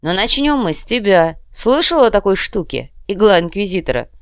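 A woman's voice: mid-range voice, very animated, normal speed, no room sound, clean studio sound, voice pushed up. A woman reading an audiobook voices a blunt, cold male guard captain who barks curt replies. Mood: stern. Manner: curt, barking.

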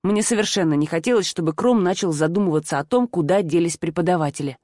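A woman narrating a first-person audiobook in an expressive voice, acting out the dialogue. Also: lowish voice, fast talker, dry recording, clean studio sound.

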